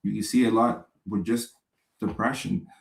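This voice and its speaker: A man, hosting a casual live stream and answering viewer questions in a relaxed, chatty way with joking asides. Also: fairly low pitch, normal speed, vocal fry, echoey room, poor audio.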